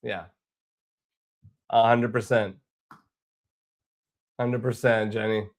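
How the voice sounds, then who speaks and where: A man's voice: lowish voice, little pitch movement, takes it slowly. Aggrieved man telling his travel story. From Boston. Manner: rambling, aggrieved, frequent restarts. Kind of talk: casual storytelling vlog.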